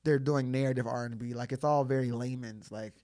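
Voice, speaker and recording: A man co-hosting a podcast in casual chat, animated and chatty with lots of filler words. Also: mid-range voice, brisk. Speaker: podcast co-host.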